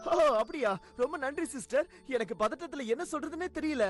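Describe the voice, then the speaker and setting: A woman voicing an excitable young cartoon father who fusses and scolds. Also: sits high, brisk. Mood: doting. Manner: fussy, scolding. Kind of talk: animated cartoon dub acting. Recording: faint background music.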